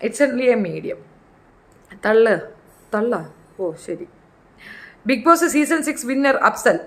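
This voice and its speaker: Brief: middle-aged woman, high voice, opinionated casual commentator who mimics people. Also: big pitch swings, slow pace. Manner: chatty, opinionated, acts out quotes in high voices. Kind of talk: casual reality show commentary.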